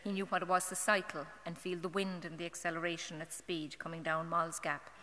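Irish mum talking earnestly at a church novena, a bit low-pitched, lots of ums, big echoey church. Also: female voice, flat delivery, bright, forceful tone, a little hiss or hum. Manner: earnest, halting, with fillers and restarts. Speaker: mother giving a testimony at a parish novena. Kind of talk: personal testimony talk. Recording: long church hall reverb.

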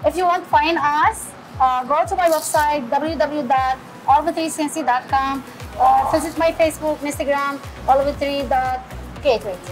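A middle-aged woman chef with a Syrian accent, answering interview questions in halting English with many pauses, in a small restaurant kitchen. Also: high voice, low-quality recording. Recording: background music.

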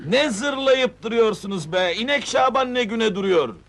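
A gruff tough-guy club boss barks orders and threats in an old comedy film. His high voice jumps all over the place. A faint hiss sits under the old film sound. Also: animated, moderate pace, exaggerated voice. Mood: bossy. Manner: gruff, bossy and shouting. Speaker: team manager. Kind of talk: 1970s comedy film dialogue.

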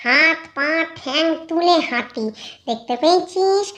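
A woman's voice: very high-pitched, animated, measured pace, fairly bright tone, full character voice. A woman voicing a boastful, shape-shifting ghost auntie who reassures and brags in a cartoon. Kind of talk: cartoon voice acting.

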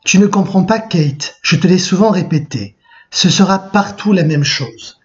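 Baïkal, a restless young man who hates his world, as a male teacher reads him out. The voice is earnest and fairly high. The recording sounds dull and lo-fi. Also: a little slow. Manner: earnest, read aloud from a book. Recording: muffled lo-fi recording.

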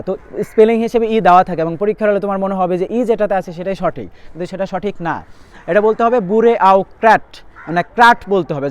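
A young man tutoring students for an entrance exam, spelling words out letter by letter. He speaks at a very rapid clip in a fairly high voice. His manner is that of a direct spoken lesson. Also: clear, resonant tone. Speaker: admission test English tutor.

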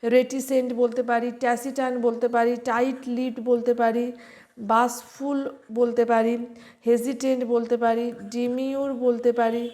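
A woman teacher leads an online vocabulary lesson in a fairly high voice that stays flat. She talks slowly, spells words out letter by letter and fills her pauses with a soft "ah".

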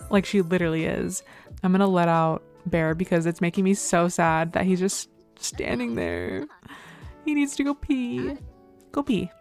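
A young adult woman hosting casual game commentary, chatty and excitable, filling nearly every phrase with "like". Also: lowish voice, moderate pace, faint music behind. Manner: chatty, says "like" constantly, excitable exclamations. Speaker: gameplay host.

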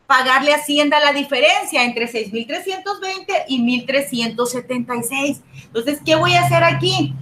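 A woman's voice: sits high, bright, forceful tone, slight background noise. A woman teaching an accounting class online, often stopping to check that her students follow and repeating key points. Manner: asks students frequent check-in questions.

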